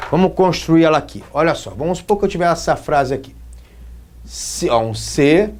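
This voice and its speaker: A man from Brazil teaching logic at a whiteboard, his pitch rising and falling a great deal. He explains step by step and keeps asking the students short questions to check they follow. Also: expressive, normal speed, a little mellow.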